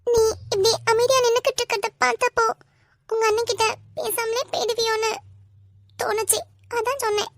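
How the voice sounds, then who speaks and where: A woman voicing a very high, gentle young wife with a Kanyakumari Tamil accent. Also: little pitch movement, a little fast, a little hiss or hum. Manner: soft, caring, reassuring.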